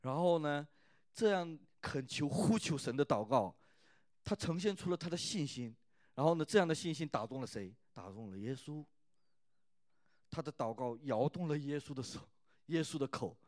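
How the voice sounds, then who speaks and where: A man gives a sermon at a youth church service, retelling scripture in a chatty tone. His voice sits a little high, and he keeps asking the listeners whether they follow. The recording is close and dry. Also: expressive, normal speed, darkish tone, no echo. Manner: keeps asking the listeners "right?" with many "ah" fillers; retells and rereads scripture in a conversational tone.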